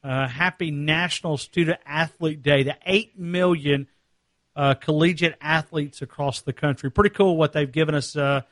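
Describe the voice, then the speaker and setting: A man's voice: fairly high pitch, fairly even intonation, normal speed, fairly bright tone, no echo, clean studio sound. A man from North Alabama co-hosting a sports radio show, chatting casually, laughing and restarting his words.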